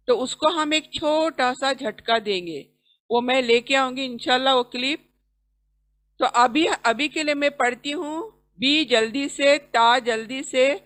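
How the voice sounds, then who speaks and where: A woman tajweed teacher with a bright, slightly high voice. She chants each word slowly, stretching the long syllables. Then she explains the rule in short, brisk lines. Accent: Indian. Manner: drawn-out chanted syllables between quick explanations. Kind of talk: recitation lesson.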